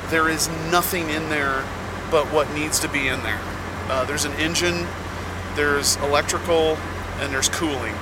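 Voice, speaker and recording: Slow-talking man recording in a noisy truck cab. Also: fairly high pitch, steady tone. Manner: slow, halting delivery with many pauses. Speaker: podcast host; touring musician. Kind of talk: casual, rambling spoken monologue. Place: inside the cab of an old pickup truck. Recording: loud vehicle noise in truck cab. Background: loud vehicle and air noise.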